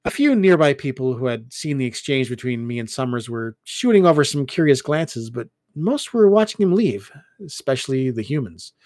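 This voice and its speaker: A man reading first-person fiction aloud, with expressive storytelling as an audiobook reader. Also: medium pitch, normal speed, no room sound, studio quality.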